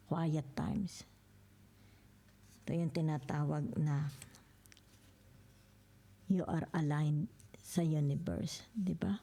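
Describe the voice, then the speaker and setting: An older woman giving a slow tarot reading, soft-spoken, who keeps checking in with the listener and often drops to a whisper. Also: low voice, creaky. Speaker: tarot reader. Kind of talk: slow tarot reading, mixing Tagalog and English.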